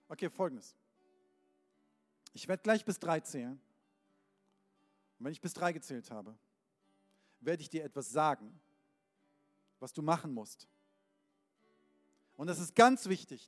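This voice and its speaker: A man voicing a calm, reassuring rescuer who calls down from above and speaks steadily and solemnly. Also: a little high, natural voice. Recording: long hall reverb, faint band music.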